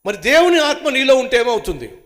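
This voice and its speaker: Male preacher, sermon delivery, high and very animated pitch, fires rhetorical questions and answers them himself. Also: brisk. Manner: emphatic, swings from loud exclamations to hushed, intimate asides.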